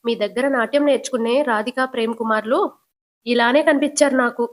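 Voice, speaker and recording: An outspoken young daughter-in-law presses her point with insistent earnestness, voiced by a woman narrator. Her voice is a touch high. She sounds like a soap heroine retold at home. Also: brisk, close to an everyday voice.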